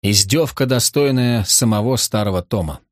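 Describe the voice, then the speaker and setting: A man narrating an audiobook in a steady, measured reading. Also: lowish voice, no room sound, clean studio sound.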